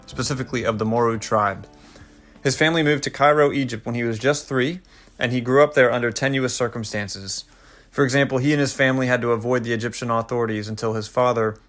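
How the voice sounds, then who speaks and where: Male host reading the guest intro, steady, faint music under it. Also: mid-range voice. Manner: steady, read-aloud delivery. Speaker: podcast host. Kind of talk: scripted introduction.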